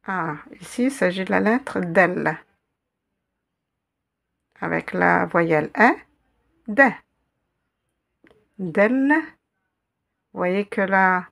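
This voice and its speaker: A woman's voice: mid-range voice, creaky, a bit bright. A woman teaching a reading lesson, patiently spelling out letters and repeating each word several times. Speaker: Arabic teacher.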